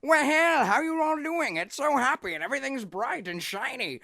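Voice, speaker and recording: A man's voice: very high-pitched, lively intonation, moderate pace, creaky, bright, forceful tone, no room sound, pitched above the performer's own voice, full character voice. A man voicing Lord Death, a cheerful, goofy, nonchalant cartoon father with a chirpy, folksy, breezily blunt manner. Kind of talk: comedic cartoon character voice.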